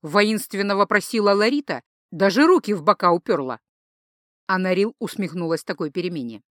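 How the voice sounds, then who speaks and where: A woman narrating a fantasy audiobook in a measured, expressive reading. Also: medium pitch, no room sound, clean studio sound. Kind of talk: scripted narration.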